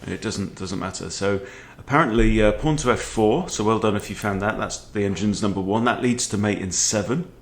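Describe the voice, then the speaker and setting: Low-pitched man commentating on chess. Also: a little fast, hardly any pauses. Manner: conversational, checks in with the viewer with short questions. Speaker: chess video host. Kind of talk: casual chess game commentary. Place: book-lined room at home, indoors.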